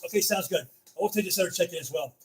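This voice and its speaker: A man chatting casually as a radio net controller, halting and often repeating his words. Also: high voice, background noise.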